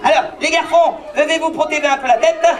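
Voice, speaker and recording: A woman performing as a clown for children, playfully bossing her volunteer helpers and breaking into comic yelps and shouts. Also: high voice, fast, crowd noise. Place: large indoor hall with a live audience. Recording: live hall recording with loud audience noise.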